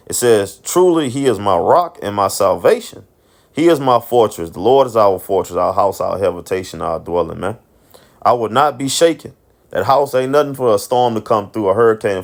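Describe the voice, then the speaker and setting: A man's voice: lowish voice, vocal fry. A man giving informal scripture commentary, reading Bible verses and ending his phrases with "man" and plenty of swearing. He repeats and restarts words and asks himself questions before answering them. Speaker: street preacher and commentator.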